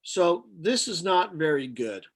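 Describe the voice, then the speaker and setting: A man with a somewhat high-pitched voice teaches a class. He works through problems step by step, thinking aloud with halting pauses. His delivery is flat and matter-of-fact. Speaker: chemistry lecturer. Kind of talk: lecture, working problems step by step.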